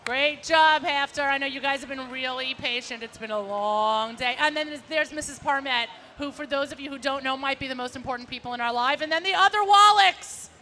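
A woman co-hosts live parade commentary in a high, bright voice. She chats and calls out to marchers, with music and a crowd behind her. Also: brisk, hardly any pauses. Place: outdoors on a city street at a parade.

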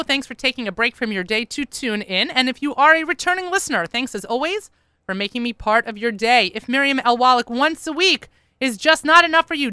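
A woman's voice: sits high, sharp tone, smooth, no echo. A woman hosting her weekly radio show in a studio, chatting in an upbeat, self-deprecating way while sounding worn out after an early start. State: tired. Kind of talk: casual radio chat. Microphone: studio microphone.

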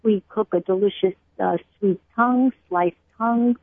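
A middle-aged woman from Brooklyn, a cookbook author explaining food customs at length with many pauses and fillers, calling in to a radio interview. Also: mid-range voice, no room sound. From Brooklyn, USA. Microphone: telephone. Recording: tinny phone line, dry.

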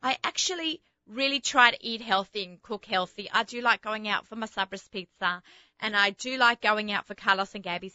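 A radio host with an Australian accent tinged with American chats in a rambling way, full of fillers, on a casual radio show. Her voice is medium-pitched and sharp, with no room sound and dull audio.

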